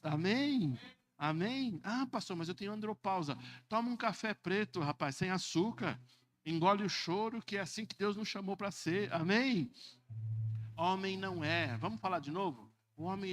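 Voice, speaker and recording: A man in his fifties with a Brazilian Portuguese accent, preaching a sermon as pastor, calling out "Amém?" and mimicking people in funny voices. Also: fairly high pitch. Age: 50s. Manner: lively preaching, mocking voices, repeated "Amém?".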